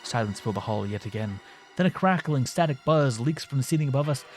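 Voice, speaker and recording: A man's voice: medium pitch, animated, quick pace, a little mellow, faint music behind. A man hosting a game playthrough, reading the story aloud dramatically with wry, sarcastic asides. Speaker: gaming host reading aloud.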